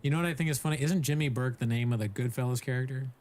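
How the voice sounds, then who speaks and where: A man's voice: medium pitch, very fast, darkish tone. A man co-hosting a podcast, riffing in rambling, profane casual chat full of "like". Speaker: podcast co-host.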